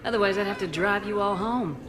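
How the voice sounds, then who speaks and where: A woman playing a relaxed, wry female military commander in video game dialogue. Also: mid-range voice, fairly quick, long reverb tail, close to an everyday voice.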